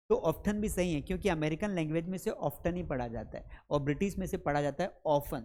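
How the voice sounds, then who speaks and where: A man's voice: high-pitched, a little mellow. Male English teacher, quiz-style drilling of pronunciation, friendly address to viewers. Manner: quizzing, asks viewers then answers himself; repetitive, drills each word. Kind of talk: spoken English pronunciation lesson.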